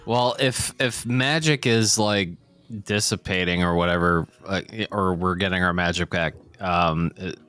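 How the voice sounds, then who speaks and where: Bright-voiced excitable man, swearing. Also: low-pitched, unhurried, smooth. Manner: excitable, swears, laughs a lot. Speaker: player. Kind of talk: casual chat at a tabletop game.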